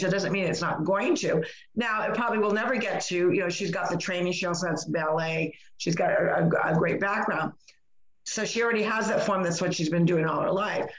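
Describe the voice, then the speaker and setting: A middle-aged woman chatting casually, rambling through anecdotes and acting out the exchanges, in a roomy, echoing recording. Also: lowish voice. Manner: rambling, acts out quoted exchanges. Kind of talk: casual chatty storytelling in conversation.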